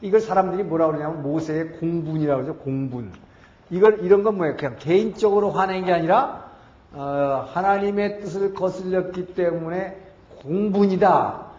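A man giving an animated Bible lecture, often asking the audience rhetorical questions and acting out quoted lines. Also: high-pitched, moderate pace. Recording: roomy, dull lo-fi sound.

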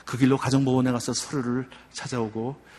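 An older man, a church elder, gives a heartfelt testimony, telling his story earnestly with many pauses. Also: mid-range voice, level tone, a little mellow. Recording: long hall reverb.

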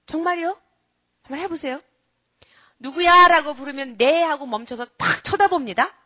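A middle-aged woman giving a lively lecture to an audience. She quizzes her listeners and acts out children and parents as she goes. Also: high voice, brisk, dry recording. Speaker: character-education lecturer.

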